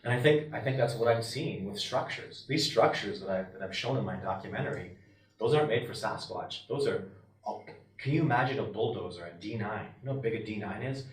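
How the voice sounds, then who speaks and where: A man's voice: on the low side, a little fast. Emphatic man in a roomy room. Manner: emphatic, animated, often voices what others might say. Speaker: wilderness expert interviewee. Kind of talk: passionate interview talk. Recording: roomy and distant from the mic.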